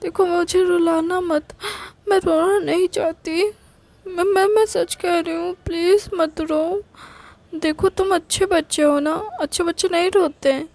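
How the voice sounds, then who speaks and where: A woman voicing a tender young woman who soothes her partner in a romantic audio story, speaking softly and haltingly. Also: very high voice, fairly even intonation, voice pushed up. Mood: pleading. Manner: soft, coaxing, halting.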